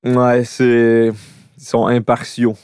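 Hesitant Québécois man, smooth voice. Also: medium pitch, completely flat delivery, slow, a little mellow, no echo, studio quality. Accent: Québécois French. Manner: hesitant, searching for words with many fillers. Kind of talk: casual chat.

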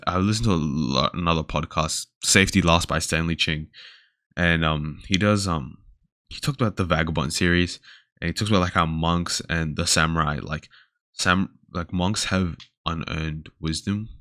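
A young Australian man hosts a casual solo podcast indoors, talking alone to a camera. His low voice moves at a normal speed with a bright, forceful tone, and the clean studio recording has no echo. He rambles with plenty of fillers and often trails off mid-thought.

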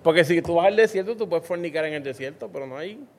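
A man's voice: a little high, expressive, fast talker. A Puerto Rican man with a Puerto Rican Spanish accent telling a crude comic story, swearing and acting out his own quotes. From Puerto Rico. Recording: long reverb, faint ambient noise.

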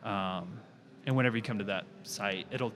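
A man's voice: lowish voice, moderate pace, slight background noise. Laid-back young man, rambling recruiter. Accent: Texan. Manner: relaxed, rambling, many fillers. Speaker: volunteer recruiter for a nonprofit. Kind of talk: casual conversational interview.

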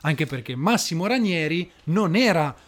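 A man's voice: on the high side, expressive, moderate pace. A man co-hosting a casual podcast chat, teasing and joking through the banter. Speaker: podcast co-host.

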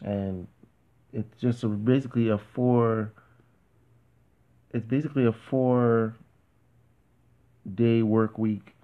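A man's voice: medium pitch, fairly even intonation, slow, pauses often. A man co-hosting a casual talk show, rambling and argumentative, with lots of "you know what I mean" asides. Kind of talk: casual conversation. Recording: tinny phone-like audio.

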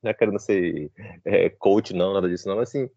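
A man chatting on a fan podcast, reasoning out loud in a relaxed, filler-heavy way. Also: deep voice, fast, creaky, no echo, muffled recording. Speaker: podcast co-host, football fan. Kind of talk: casual chat.

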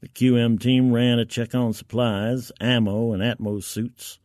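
Narrating a first-person military sci-fi tale, a man uses a wry, gritty, colloquial soldier's voice at a medium pitch. He keeps a steady tone and a measured pace, sounding a little mellow. The audio is completely dry, without any echo or room sound.

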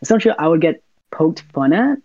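A young man, a university student, chatting as an interview guest, soft-spoken and quick to laugh as he acts out little scenes. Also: a little high, big pitch swings, no echo, lo-fi sound. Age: young adult. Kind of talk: casual interview chat.

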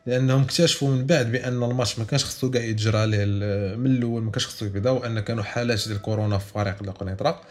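A man's voice: medium pitch, fairly even intonation, very fast, hardly any pauses, darkish tone. A man with a Moroccan accent hosting a casual football podcast, talkative and insistent, slipping in French words. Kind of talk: casual sports podcast chat mixing in French.

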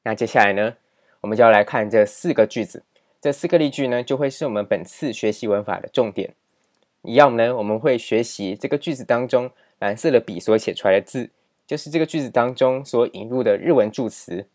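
A man's voice: medium pitch, a little fast. A man teaching a grammar lesson over slides, explaining patiently and repeating key points with many filler particles. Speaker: language teacher.

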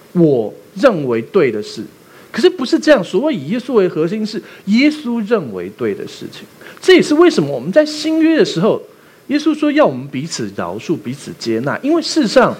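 Lively husky male pastor preaching. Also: fairly high pitch. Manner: animated, asks the congregation rhetorical questions, tells jokes. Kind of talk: sermon.

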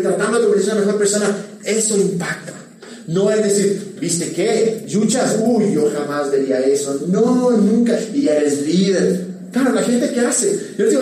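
Animated male preacher in echoey hall. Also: sits high, recorded from a distance, a little hiss or hum. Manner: candid, animated preaching with many restarts. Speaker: pastor. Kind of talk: sermon. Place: church hall.

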